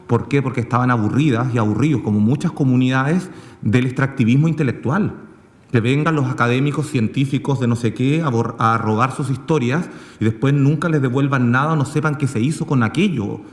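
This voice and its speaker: A radio project maker speaks off the cuff as a panelist, his medium-pitched voice halting and full of fillers, especially a repeated "digamos." The hall he's in is echoey, with a long reverb tail.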